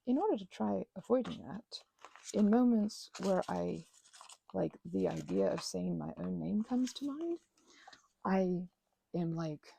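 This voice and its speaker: A woman hosts a casual, rambling craft ASMR chat in a creaky, mellow, mid-range voice, over a rough recording with some hiss or hum. Self-deprecating and playfully sarcastic, she often drops toward a whisper and drifts onto tangents while talking to herself.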